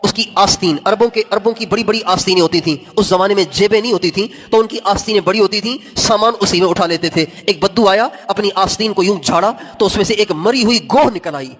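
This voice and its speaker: A man preaching a sermon through stories, repeating phrases for emphasis and chanting Arabic quotations slowly. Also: sits high, a bit bright. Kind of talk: sermon storytelling. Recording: long hall reverb.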